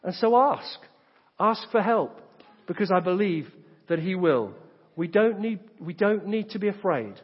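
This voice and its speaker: A man's voice: high voice, animated, a little slow, slightly rough, in a large hall, muffled recording. A man preaching a sermon, retelling a story with rhetorical questions. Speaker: pastor.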